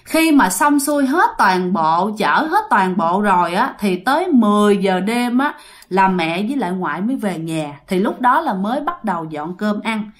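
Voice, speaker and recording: A woman with a Southern Vietnamese accent telling a ghost story in an animated way, speaking straight to her listeners. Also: mid-range voice, moderate pace.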